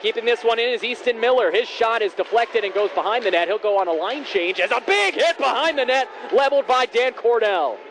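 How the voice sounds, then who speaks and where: A man with a high-pitched voice gives live hockey play-by-play. He breaks into excited, raised calls when chances come. Faint rink noise sits behind him. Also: brisk, hardly any pauses.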